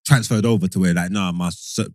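A man's voice: sits low, fairly even intonation, fast, a little mellow, dry recording, clean studio sound. A man with a London accent asking questions in a casual, conversational way, like an informal interviewer.

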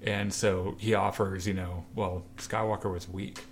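Lively man retelling a comic, low voice. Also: a little slow, a little hiss or hum. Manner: animated storyteller, acts out quoted lines. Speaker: podcast co-host. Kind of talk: casual chat retelling a comic.

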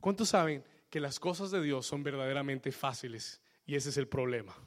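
A male pastor delivering a sermon, switching between Spanish and English phrase by phrase and building to loud exhortations. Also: medium pitch, normal speed. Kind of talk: bilingual sermon.

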